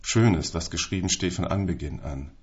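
A man with a low voice reads a literary text aloud, measured and solemn. The recording is dull and lo-fi. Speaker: reader. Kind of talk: literary reading.

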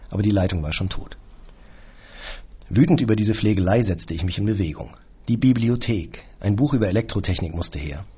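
A man's voice: lowish voice, a little mellow, husky, dull audio. A man reading a first-person audiobook in a dry, sardonic, theatrical manner. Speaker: audiobook narrator.

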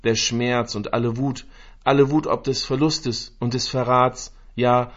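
A man reading a literary story aloud in a slow, measured, emotive way with long pauses. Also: medium pitch, little pitch movement, dull audio. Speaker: narrator.

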